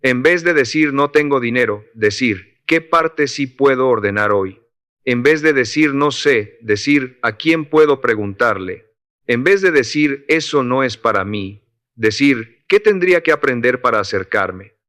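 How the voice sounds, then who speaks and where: A quiet man in his sixties who has worked construction for decades, as read by a male narrator. He gives advice in a calm, measured, instructive way, at a mid pitch. This is a spoken story. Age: 60s. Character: older Salvadoran construction worker, man of few words.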